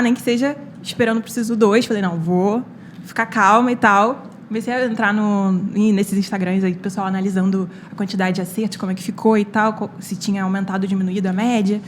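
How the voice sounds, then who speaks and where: Fast-talking young Brazilian woman. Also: medium pitch, slight background noise. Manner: animated retelling with quoted dialogue and many fillers. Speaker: guest, medical student. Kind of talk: casual podcast storytelling.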